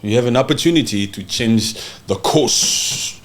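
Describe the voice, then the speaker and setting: A man's voice: mid-range voice, unhurried, a little hiss or hum. A man from Congo hosting a political podcast, talking in a fiery, emphatic way, swearing and often asking if the listener understands. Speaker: podcast host. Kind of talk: impassioned political talk.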